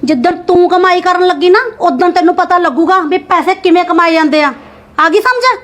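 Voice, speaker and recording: Woman acting as a scolding, stingy sister-in-law, very high-pitched voice. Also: fairly quick, fairly bright tone. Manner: nagging, sarcastic. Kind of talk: Punjabi short-film acting.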